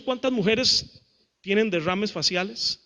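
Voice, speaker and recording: A middle-aged Costa Rican man preaching a sermon as pastor, lively, acting out what people say and calling out to the congregation. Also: high voice, a little slow. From Costa Rica. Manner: lively, acts out quotes, calls to the crowd.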